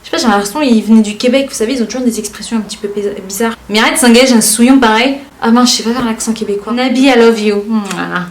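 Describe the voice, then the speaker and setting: Woman vlogger, former flight attendant, casual and animated, slightly high voice, echoey room. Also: racing, hardly any pauses. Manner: animated, talks straight at the viewer with many fillers. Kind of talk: casual chatty vlog, reading out comments. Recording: roomy echo.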